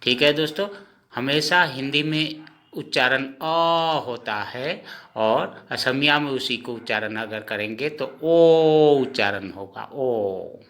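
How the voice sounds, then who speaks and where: A man teaches at a very unhurried pace, his voice sitting at an ordinary middle pitch. He says each sound twice, asks "what will we say?" and answers it himself. He keeps checking in with his listeners as he goes. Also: sharp tone. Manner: often says "okay friends". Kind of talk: slow spoken lesson.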